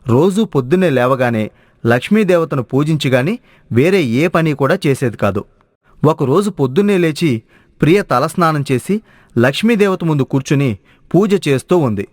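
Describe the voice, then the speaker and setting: A man narrating a cartoon story in a steady storytelling way. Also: on the high side, moderate pace, no echo, clean studio sound.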